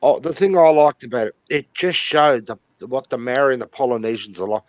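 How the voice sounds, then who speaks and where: A man's voice: medium pitch, lively intonation, fairly quick, lo-fi sound. A man in casual group chat, blunt and enthusiastic, swearing freely. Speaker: chat participant.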